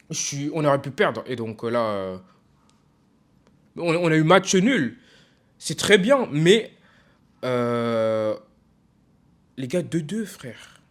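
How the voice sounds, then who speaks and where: A young man from France ranting casually in a video, frustrated and emphatic, halting often with fillers and restarts. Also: high voice. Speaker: football vlogger.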